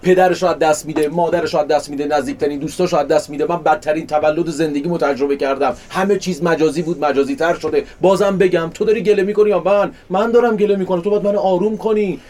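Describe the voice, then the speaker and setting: A man's voice: on the high side, fairly even intonation, few pauses, a little mellow. A man in his mid-thirties acting in a comedy sketch, impatient and exasperated with his friend. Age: 30s.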